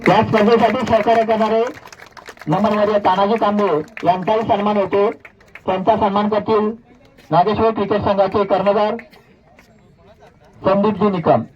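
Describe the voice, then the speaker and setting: A man's voice: sits high, fairly even intonation, a little mellow, dull audio, slight background noise. A man from Konkan working as announcer at a village cricket prize ceremony, formally reading out names one by one. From Konkan, India. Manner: reads names one by one in a formal, measured listing.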